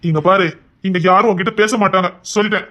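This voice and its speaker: A woman's voice: mid-range voice, a bit bright, close to an everyday voice. A woman voicing a proud, brusque husband in an audio drama, speaking in a grumbling, dismissive way. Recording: dull lo-fi recording.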